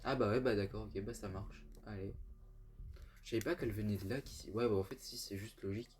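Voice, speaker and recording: Over a slight hiss or hum, a young gaming YouTuber chats through a let's-play in a lowish, darkish, steady voice that moves fairly quickly. He jokes around casually, restarting sentences and using lots of fillers.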